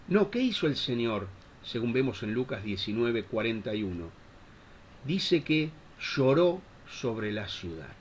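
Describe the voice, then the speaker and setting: A man's voice: mid-range voice, fairly bright tone, slightly rough. A man teaching a Bible institute class in a preaching style, impassioned and full of rhetorical questions. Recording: dull lo-fi recording.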